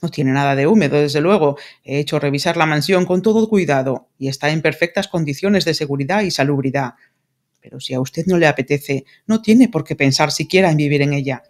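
A woman voicing an earnest, lovesick English lord in an audiobook, speaking formally and pleading gravely. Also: low-pitched, fairly quick, natural voice. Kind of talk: audiobook character reading.

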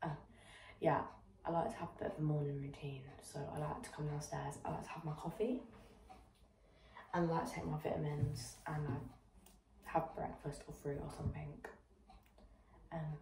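A young woman vlogging casually at home, chatty and rambling, poking fun at herself and dropping into soft whispery asides. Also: low voice, level tone, moderate pace, pauses often, slight background noise. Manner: chatty, rambling, self-mocking. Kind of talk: casual vlog chat.

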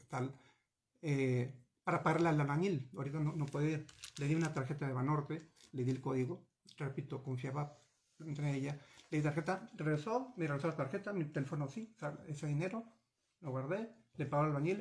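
Interviewed over a webcam from his small home office lined with bookshelves, a Mexican man in his forties recounts a personal story. His male voice is a little high with vocal fry, and he speaks in an agitated, animated way, gesturing, correcting himself often, and filling his talk with restarts and fillers.

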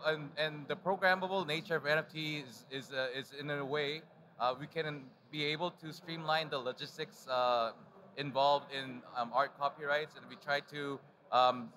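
A man's voice: fairly high pitch, sharp tone, slight background noise. A man speaking on a conference panel with a handheld mic, hesitant and full of ums and uhs. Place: large conference stage.

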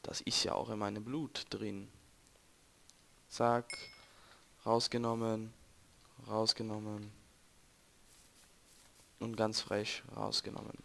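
A man's voice: fairly low pitch, monotone, slow pace, creaky, pauses often, fairly bright tone. A young man with a German accent, chatting and joking to viewers while playing a game. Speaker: let's play gamer. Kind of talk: casual gameplay commentary. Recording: noisy home recording.

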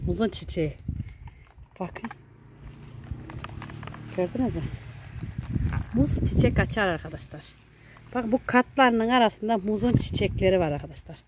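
On a casual vlog, a woman shows off her countryside garden near a mountain, chatting with viewers and her small daughter as she walks with a handheld camera. She has a medium-pitched voice, and the recording carries a little hiss or hum.

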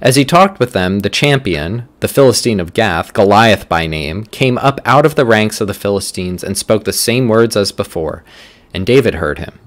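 A man with a somewhat low voice reads scripture and leads prayer for a church's daily devotion. He speaks in measured, deliberate short phrases. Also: expressive. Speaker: church reader leading morning prayer.

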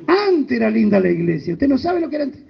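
A man's voice: extremely high pitch, very animated, quick pace, vocal fry, slightly rough. A man preaching a sermon as pastor, emphatic, with sudden rises and drops. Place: church. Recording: muffled lo-fi church recording.

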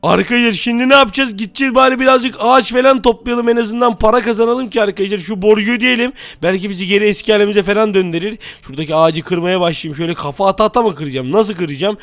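A man doing loud, exasperated role-play commentary over a game. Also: high voice, quick pace, few pauses, no echo. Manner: loud, exasperated, often shouting. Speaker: gaming YouTuber.

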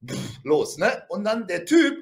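Male storyteller, high and highly animated, blunt, slangy, punctuates with sound effects. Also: normal speed. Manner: animated and blunt, crude slang, constant tag questions, vocal sound effects. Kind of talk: casual spoken anecdote.

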